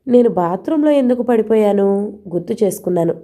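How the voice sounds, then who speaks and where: A woman reads a novel aloud in the first person, expressive and absorbed in the telling. Her voice is warm and mellow, with an ordinary middle pitch and a steady storytelling flow. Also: brisk. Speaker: audio novel narrator.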